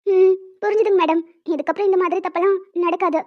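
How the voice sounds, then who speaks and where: A woman voicing a defensive young female college student in an animated story. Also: very high voice, fast, lo-fi sound. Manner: pleading, defensive.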